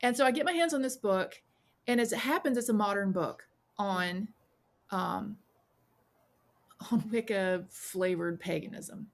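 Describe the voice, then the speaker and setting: A woman in her forties, a podcast guest, telling her story in a relaxed chat and acting out the voices of people she quotes. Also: medium pitch, unhurried, long pauses. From South Carolina, US. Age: 40s. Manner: animated storyteller who acts out quoted voices. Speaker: podcast guest, witch and priestess. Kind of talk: casual storytelling interview.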